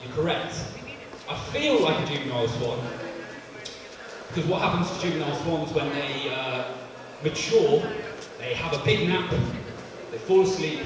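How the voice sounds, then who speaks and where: A sardonic young man, doing a rambling stand-up set that now and then bursts into shouting. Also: a little high. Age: 20s. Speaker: stand-up comedian. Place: live comedy venue. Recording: echoey hall from far off, crowd.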